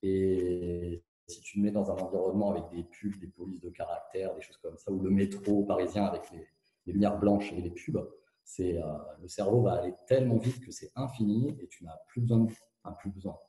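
Man, interview guest, low dark voice, tumbling restarts, echoey hands-free kit sound. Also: steady tone. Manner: fast, tumbling speech with many hesitations and restarts. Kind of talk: candid interview talk.

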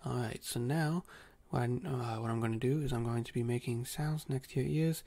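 A man in a whispered role-play as a doctor giving a calm nerve exam, speaking softly and slowly with hesitant fillers. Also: mid-range voice, dry recording. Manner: soft-spoken, slow and gentle, with frequent hesitant fillers.

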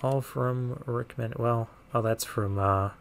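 A man's voice: medium pitch, steady tone, slow, creaky, slight background noise. A man giving casual let's play commentary on a video game, thinking aloud with muttered asides as he goes. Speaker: gaming let's play host.

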